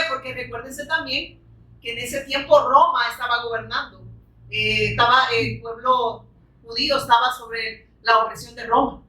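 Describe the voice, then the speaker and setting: A woman's voice: on the high side, pushed and bright. Fervent woman preacher in echoey church. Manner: fervent, frequent rhetorical questions and amens. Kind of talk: sermon. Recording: echoey room, distant from the mic.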